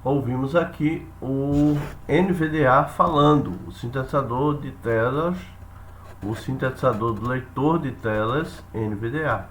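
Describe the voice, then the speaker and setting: A man with a Brazilian accent explaining software step by step, haltingly, repeating phrases and checking in with listeners. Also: medium pitch, slight background noise. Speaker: instructor demonstrating software. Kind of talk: spoken tutorial, explaining step by step.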